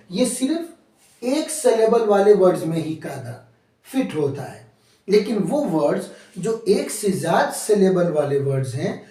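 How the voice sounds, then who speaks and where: A man's voice: sits high, warm tone. A man with an Urdu accent teaching English grammar in a lecture, spelling words letter by letter and asking and answering his own questions. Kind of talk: classroom lecture. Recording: echoey room, mic at a distance.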